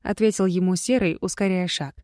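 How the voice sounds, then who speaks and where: A woman reading a fantasy novel aloud in measured, scripted narration. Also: on the low side, steady tone, a little mellow, no echo, studio quality. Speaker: audiobook reader.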